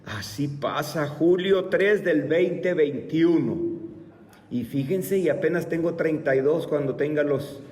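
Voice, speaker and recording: A man in his fifties teaching a church Bible class, speaking deliberately and asking the class rhetorical questions. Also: on the high side, darkish tone. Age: 50s. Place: church meeting room. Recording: echoey hall, mic far off.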